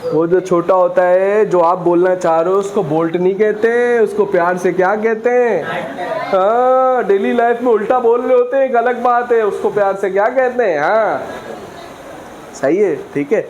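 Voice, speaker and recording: Man, physics teacher, high voice, quizzing questions, faint room noise. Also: a little mellow, rough recording. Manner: reads English lines slowly, then explains with many quiz questions. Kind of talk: classroom lecture.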